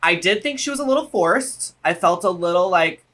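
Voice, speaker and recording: A man's voice: sits high, expressive, moderate pace, bright, forceful tone. A man co-hosting a review show, chatting casually with opinions in a campy, sassy drag-queen manner. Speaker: reality show review co-host.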